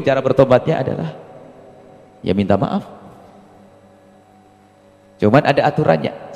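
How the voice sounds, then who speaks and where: A man preaching a sermon, animated, rising to loud emphasis and dropping to low asides. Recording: long reverb of a hall.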